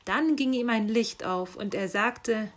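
A woman reading a children's story aloud, calm and unhurried. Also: on the high side.

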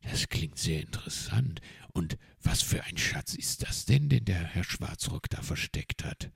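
A fussy, strict fox from a children's audiobook, voiced by a man. He speaks in a low, gravelly, unhurried voice, firm and precise, close and dry. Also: animated, a bit bright, no room sound, exaggerated voice.

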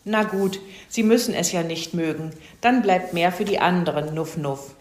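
A woman voicing a kind, bustling mother hedgehog who talks briskly and snuffles. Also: lowish voice, natural voice. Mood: friendly. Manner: friendly and brisk, snuffling "nuff nuff". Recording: roomy echo.

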